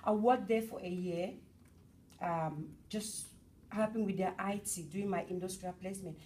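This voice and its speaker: A bubbly middle-aged woman from Cameroon giving a lively talk at an event and chatting with the audience. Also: lowish voice, normal speed, distant mic, slight background noise. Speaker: motivational speaker.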